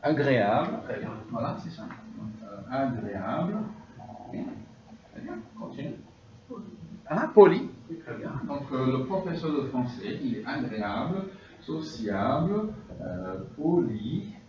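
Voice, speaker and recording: Unhurried male teacher in an echoey classroom. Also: medium pitch, big pitch swings, recorded from a distance, crowd noise. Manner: drills students, checks with frequent "d'accord?". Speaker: French teacher. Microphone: distant room mic. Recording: dull, echoey, noisy classroom recording from afar.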